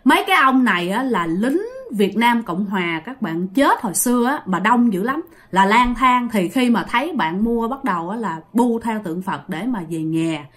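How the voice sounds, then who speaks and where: A woman's voice: fairly high pitch, lively intonation, normal speed. A woman with a Southern Vietnamese accent telling a ghost story in a casual, chatty way, talking straight to her listeners. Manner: chatty, addresses listeners directly.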